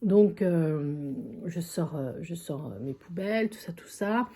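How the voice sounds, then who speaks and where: A woman psychic medium vlogs casually from a friend's country house, telling a story in a low, husky, dark voice that is animated but slow. She's chatty, full of fillers and repeated phrases.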